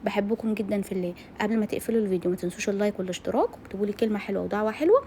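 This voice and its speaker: A woman's voice: medium pitch, animated, very fast, mellow, slight background noise. A woman with an Egyptian Arabic accent, chatting while she cooks in her home kitchen. She talks outspokenly and straight to her female viewers. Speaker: cooking vlogger. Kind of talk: casual chat while cooking.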